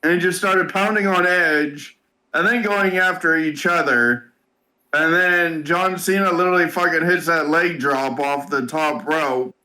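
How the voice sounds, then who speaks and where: Bright-voiced guy, kinda high, swears and says uh constantly recapping wrestling. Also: rough recording. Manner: halting, many "uh" and "freaking", swears. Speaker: wrestling reviewer. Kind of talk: casual podcast chat.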